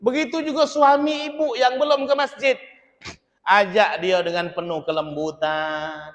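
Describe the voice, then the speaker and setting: Male preacher, high-pitched and animated; long mosque reverb. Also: unhurried, dull audio. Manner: lively, humorous, acts out scenes. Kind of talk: mosque sermon. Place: mosque hall.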